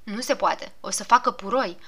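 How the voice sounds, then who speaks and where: A woman's voice: mid-range voice, fairly bright tone, breathy edge. A woman voicing a fussy, grumbling male gnome doctor who coaxes and scolds in a storybook reading. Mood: fussing. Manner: soothing then scolding, fussy.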